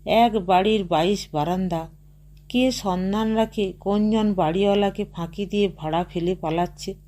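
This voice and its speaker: With a medium-pitched voice, a female narrator performs a short story for an audiobook, keeping a measured reading and giving the dialogue soft voices.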